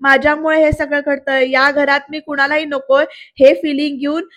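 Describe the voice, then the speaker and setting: A woman's voice: sits high, little pitch movement, moderate pace, dry recording, clean studio sound. Hurt defiant young wife, read by a woman. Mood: reproachful. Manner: sharp, reproachful.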